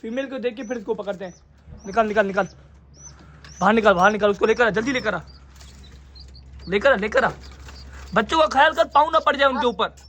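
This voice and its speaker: A man's voice: high-pitched, a little fast, pauses often, bright, forceful tone. A young man chatting casually in a pet vlog, coaxing and scolding a child while handling birds by the cages. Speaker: pet vlogger.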